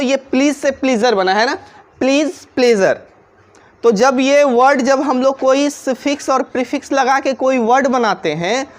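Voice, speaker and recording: A woman with a Hindi accent teaching a pronunciation lesson, spelling words out letter by letter and putting questions to her viewers that she answers herself. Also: fairly high pitch. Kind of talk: classroom-style video lesson.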